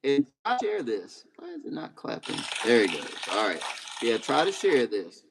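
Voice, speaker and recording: A man's voice: mid-range voice, huge pitch swings, normal speed, vocal fry, background noise. A man hosting a live stream, chatting casually and thanking listeners before playing a story. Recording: long hall reverb.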